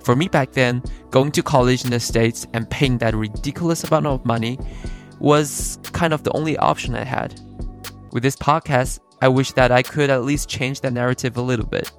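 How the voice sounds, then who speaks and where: A man's voice: medium pitch, fairly even intonation, normal speed, soft background music. A man hosting an educational podcast, talking in a plain conversational presenter's style. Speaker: podcast host, college counselor. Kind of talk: podcast introduction and casual interview.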